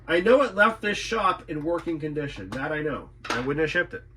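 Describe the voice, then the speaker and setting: His voice runs on the high side, a little fast and sharp in tone, with slight background noise. He's a radio repair technician who hosts a channel, talking unscripted while inspecting his work, thinking out loud, repeating himself, and cursing mildly.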